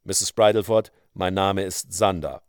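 A suave male outlaw speaks low and unhurried, calm and quietly threatening, as a man puts him on. The sound is dry and close. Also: smooth, dry recording. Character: smooth menacing male outlaw, coolly persuasive.

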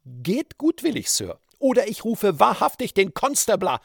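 A flustered, indignant respectable lady cries out in a high, shrill voice, as a man puts her on. Her pitch swings wildly, the sound dry and close. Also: lively intonation, a little slow, vocal fry, dry recording, exaggerated voice.

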